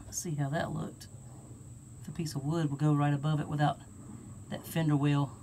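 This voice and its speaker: Slightly high and a little mellow, a middle-aged Southern American man speaks at a moderate pace in a level tone, casually and folksily thinking aloud through a DIY job for his truck camping vlog. Recorded on a handheld phone at arm's length outdoors and in a truck bed by an open garage, with slight background noise.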